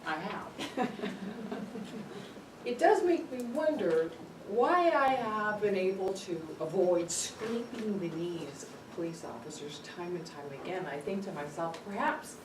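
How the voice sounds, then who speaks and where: A woman's voice: medium pitch, unhurried. A woman with a Californian accent tells funny stories at a club meeting, laughing often and acting out the voices of others. She sounds far from the mic in an echoey room. There is noticeable noise under her voice. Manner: animated storyteller, laughs often, acts out quotes. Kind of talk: humorous personal speech.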